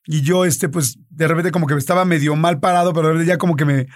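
A man with a fairly high voice, chatting casually as a host. He tells his stories with lively energy and acts out each exchange. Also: fast. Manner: animated storyteller, acts out dialogue. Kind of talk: casual chat.

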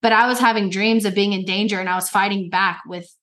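A woman's voice: medium pitch, steady tone, quick pace, a bit bright. A woman co-hosting a faith podcast, explaining in an encouraging, casual way with "like" fillers. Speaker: podcast co-host.

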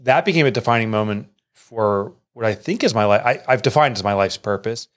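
In an interview, a middle-aged author and entrepreneur shares a personal story with earnest emotion, his pitch jumping up whenever he quotes someone. His delivery is expressive and fairly quick.

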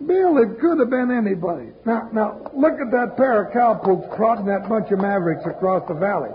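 Very high-voiced grumbling cowboy sidekick. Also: male voice, expressive, brisk. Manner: folksy, complaining. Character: grumbling comic western deputy sidekick. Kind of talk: old radio western acting. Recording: noisy, muffled old radio recording.

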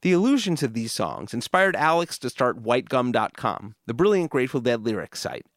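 A man's voice: mid-range voice, sing-song, normal speed, no echo, studio quality. A man reading scripted documentary narration as a podcast host.

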